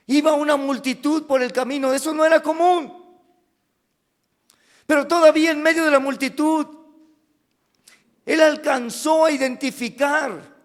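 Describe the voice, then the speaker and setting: Mexican pastor preaching slow, high voice, big echoey church hall, gets loud then goes real quiet. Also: male voice. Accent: Mexican Spanish. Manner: dramatic preaching, rising to loud cries and dropping to hushed asides. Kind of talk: sermon. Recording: long reverb of a church hall.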